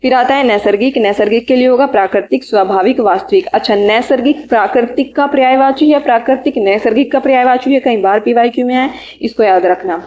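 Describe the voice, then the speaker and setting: Woman teacher rattling off hindi synonym lists, kinda high voice, muffled lo-fi sound. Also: darkish tone, a little hiss or hum. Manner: lists words in short bursts, adds quick study tips. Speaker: exam prep teacher. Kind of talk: reading out synonym lists for an exam lecture.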